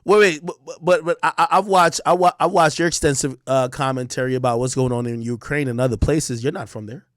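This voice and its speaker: A man's voice: mid-range voice, a little fast, dry recording, clean studio sound. A man, a hip-hop commentator, debating on a live stream, cutting in often and stammering repeated words.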